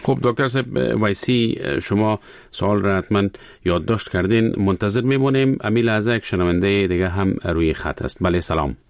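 A man with an Afghan Dari accent hosting a radio call-in show, relaying listener questions in a measured way. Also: fairly low pitch, dry recording.

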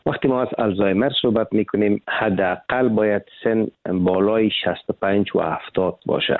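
A man's voice: lowish voice, dry recording. A man with an Afghan Dari accent, a doctor explaining a medical point firmly on a radio call-in show. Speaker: doctor guest. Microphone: telephone. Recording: tinny phone line.

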